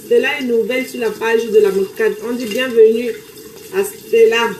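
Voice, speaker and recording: A woman's voice: fairly high pitch, steady tone, moderate pace, darkish tone. Chatty Cameroonian woman cooking live, roomy kitchen. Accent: Cameroonian French. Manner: chatty, greets viewers by name. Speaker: live-stream host. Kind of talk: casual live-stream chat while cooking. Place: home kitchen.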